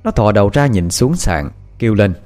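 A male horror storyteller with a low voice. He narrates in a lively, dramatic way, and his pitch moves freely up and down. Faint music plays underneath. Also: moderate pace. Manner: expressive, dramatic pacing.

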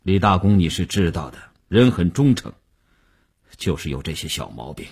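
A man playing a shrewd middle-aged businessman who talks in a slow, low, measured and persuasive way, with a husky voice. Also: big pitch swings, heavily acted. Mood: grave.

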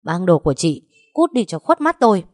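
A grieving young wife who is furious and defiant and throws accusations at her rival, as a woman reading the story puts her on. Her voice is lowish. The sound is dry and close, with no room around it. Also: lively intonation, fairly quick, a little mellow, dry recording. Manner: indignant, accusing.

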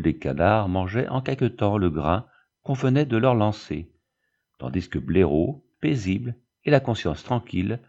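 Low, mellow man reading a tale. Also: highs cut off. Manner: steady reading, lifts pitch for quoted voices. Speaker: audiobook reader. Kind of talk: scripted narration of a Christmas tale.

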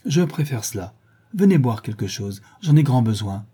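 A man voicing a tormented, haughty young male dandy in an audiobook, breaking into shouted outbursts. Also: mid-range voice, big pitch swings, normal speed, breathy edge. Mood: weary.

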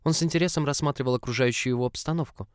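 A man reading a story aloud as scripted narration in an even, measured way, close to the mic. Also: mid-range voice, clean tone, dry recording. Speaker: audiobook reader.

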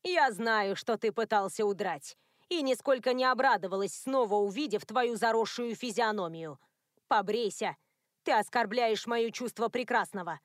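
A woman's voice: a little high, moderate pace, no room sound, studio quality, natural voice. A woman voicing a cold, imperious noble werewolf lady who is a grieving mother, in an audiobook. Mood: scornful. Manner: imperious, clipped.

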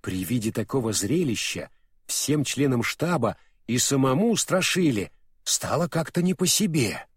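A man narrating a fairy-tale audiobook in an expressive, vivid storytelling manner. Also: mid-range voice, measured pace, husky, dry recording, clean studio sound.

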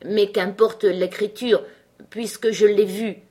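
A woman's voice: mid-range voice, fairly even intonation, slow pace, a little mellow. A woman reading a frightened, devoted older male butler in an audiobook, urgent and pleading. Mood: anxious.

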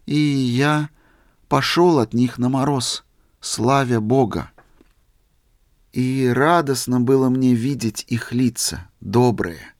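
A man voicing a meek, shy holy fool who tells his story quietly and simply. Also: medium pitch, takes it slowly, no echo, clean studio sound. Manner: quiet, simple, humble telling.

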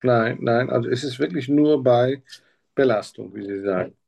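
A man plays the patient in a mock medical interview, hesitating and hunting for words. The recording is muffled, and his mid-range voice sounds creaky and somewhat dark at an ordinary pace.

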